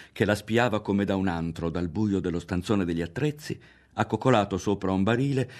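Deep-voiced man reading a novel aloud. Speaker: audiobook reader. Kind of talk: literary audiobook narration.

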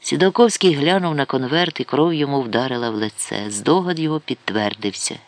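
A man narrating a comic novel as an audiobook, with lively, expressive storytelling. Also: mid-range voice, brisk, dry recording.

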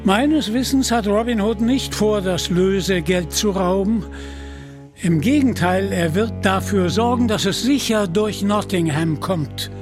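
A man's voice: sits high, a little slow, over music. A man voicing a polite, earnest young male hero in an audio drama reading.

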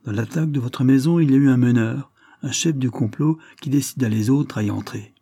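A calm, authoritative senior police chief who lays out his case in measured, deliberate sentences, as a male reader puts him on. The voice sits a little higher than the reader's own and is mellow and husky. It is recorded close and dry. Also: no echo, lightly acted. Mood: firm. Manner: measured, explaining. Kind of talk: audiobook character reading.

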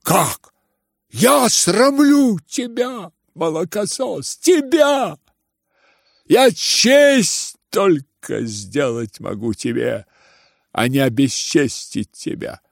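A man's voice: expressive, extremely slow, gravelly, dry recording, clean studio sound, full character voice. A man doing a roaring, wounded old general. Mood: indignant. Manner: booming, outraged declamation. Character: raging old retired general, proud and wounded.

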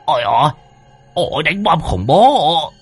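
A man's voice: mid-range voice, big pitch swings, normal speed, pushed and bright, husky, faint music behind, full character voice. A man voicing a jittery old male driver who grumbles and yelps in alarm. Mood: flustered. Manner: whiny, exclaiming.

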